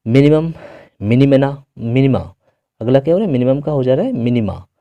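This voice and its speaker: A man gives a grammar lesson, slowly and patiently, in a very dark, mellow voice. He goes over each point again and again and keeps checking that his listeners are following. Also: mid-range voice, animated. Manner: patient, repetitive, checks in with "ठीक है". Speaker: teacher.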